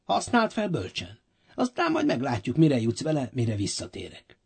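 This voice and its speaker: A man voicing a stern wealthy master in a storybook audio reading, who shouts his orders in a high, sharp voice. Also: wildly swooping pitch, vocal fry, slightly rough, full character voice. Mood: commanding, pleased. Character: stern wealthy master, middle-aged man, quick to anger.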